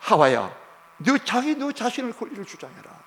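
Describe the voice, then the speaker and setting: A sly male devil tempter, as a preacher puts him on, needles and eggs his listener on with loud, insistent taunts. The voice sits high, and it rings out with a long church-hall reverb trailing behind each line. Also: huge pitch swings, normal speed, exaggerated voice. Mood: goading.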